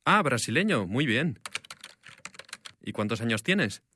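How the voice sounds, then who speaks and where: Brisk receptionist, textbook audio, bright, animated. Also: male voice, mid-range voice, a little hiss or hum, heavily acted. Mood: friendly. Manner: brisk, lively questioning. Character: friendly male receptionist. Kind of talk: scripted textbook audio dialogue.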